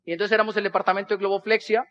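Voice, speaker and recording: A man's voice: sits high, racing, dull audio. A Colombian man telling a humorous life story to an audience, acting out the people in it. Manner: animated, acts out other people's voices in dialogue.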